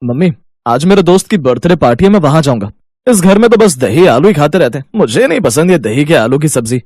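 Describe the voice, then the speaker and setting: A man's voice: a little high, very animated, a little fast, darkish tone, no room sound, clean studio sound. A man voicing a picky whiny schoolboy. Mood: grumbling. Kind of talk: Hindi cartoon voice acting.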